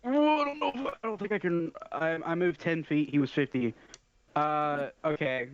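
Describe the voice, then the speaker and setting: Higher-pitched stammering man, slightly muffled. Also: normal speed, clear, resonant tone. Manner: hesitant, stammering. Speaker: tabletop game player. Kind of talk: casual game chat.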